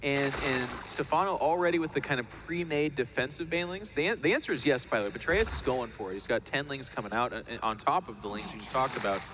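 A male esports commentator giving live analysis in a relaxed, talkative way. He breaks down the players' decisions and slips in jokes. His voice sits at an average pitch. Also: quick pace, hardly any pauses, background noise. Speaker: esports caster.

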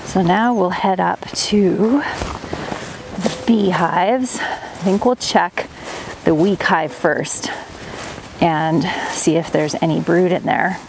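A woman in her thirties with a fairly low voice takes her time, leaving long pauses, as background noise runs underneath. She's a farm vlogger casually explaining gardening and beekeeping while she works, recorded close-up on a handheld camera in a plastic greenhouse and outdoor farmyard.

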